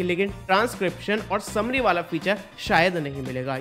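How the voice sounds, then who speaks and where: This high-pitched, fairly bright-toned host is a young Indian man in his 20s explaining tech to his viewers in a casual, informal way. He drives his points home by repeating them, speaking into a close desk microphone in a small indoor studio.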